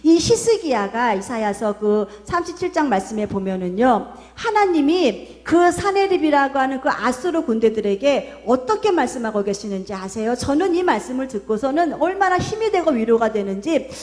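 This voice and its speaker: A woman pastor delivers a Sunday sermon in a high voice. When she quotes God, her tone drops lower and slows down. Her voice rings out with a long reverb through the church sanctuary. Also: big pitch swings, a little mellow. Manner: voices God's words in lower, slower tones.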